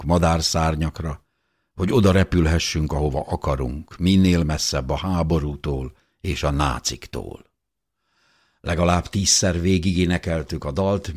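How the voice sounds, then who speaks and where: A man reading a first-person audiobook in a steady, measured way. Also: extremely low pitch. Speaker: audiobook narrator.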